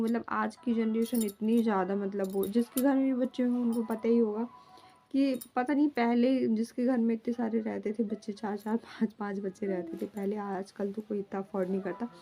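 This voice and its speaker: A young woman, a mother, chatting casually to her vlog audience at home in a rambling, homely way, often filling pauses as she talks. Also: a little high, mellow. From India. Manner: rambling and homely, fills with "matlab".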